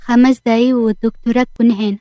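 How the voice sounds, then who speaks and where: A woman's voice: on the high side, level tone, very fast, mellow, no echo, natural voice. A woman with an Egyptian accent, voicing a blunt, impatient young man in a narrated audio story.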